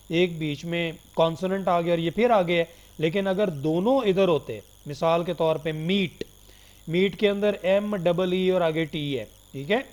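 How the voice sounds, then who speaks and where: A man giving a recorded phonology lecture, slowly explaining terms, switching between Urdu and English and politely addressing his students. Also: high voice, darkish tone. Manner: addresses listeners politely as "janab" and "dear students".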